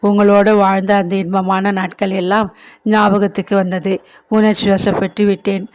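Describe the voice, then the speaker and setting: A woman's voice: mid-range voice, flat delivery, moderate pace, a little mellow, no room sound, dull audio, natural voice. A woman reading as a grieving young daughter. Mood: sorrowful. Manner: sorrowful, pleading. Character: young married daughter, sorrowful and loving.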